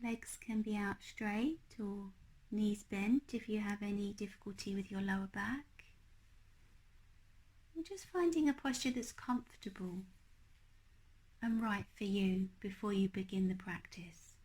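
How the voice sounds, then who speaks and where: A woman with a mid-range voice guides a meditation as its teacher. She speaks gently, in a hushed and unhurried manner.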